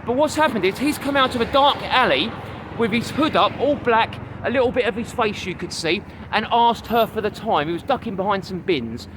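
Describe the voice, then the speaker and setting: Strolling outdoors on a busy street, a London comedian and vlogger talks casually to his camera, addressing viewers as "guys" with lots of "uh" fillers and growing slightly out of breath. He sounds high-pitched and animated at a moderate pace, while traffic and passing vehicles fill the background.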